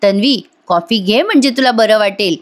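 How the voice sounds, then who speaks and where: Gentle caring young man, soothing, read by a woman in her own voice. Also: medium pitch, animated, normal speed, natural voice.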